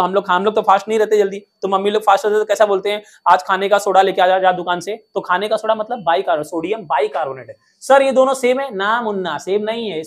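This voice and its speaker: The lesson is led by a man whose voice is high and whose style is playful, with plenty of jokes and call-and-response quizzing. Rhymes and mnemonics pop up throughout.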